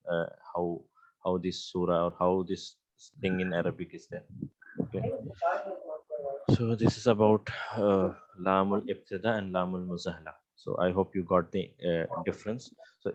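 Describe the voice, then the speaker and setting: A low-voiced man teaches Arabic grammar, breaking it down gradually with many pauses and fillers while reciting phrases in Arabic. The audio sounds dull.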